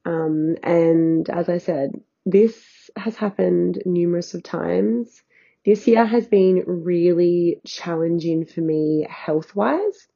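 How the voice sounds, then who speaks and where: A woman's voice: fairly low pitch, slow pace, vocal fry, mellow, slightly rough, highs cut off. A woman hosting a podcast, talking in a loose, unscripted way with a nasal, congested voice from illness, sitting on a bed at home. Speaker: podcast host and healing coach. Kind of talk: casual solo podcast chat.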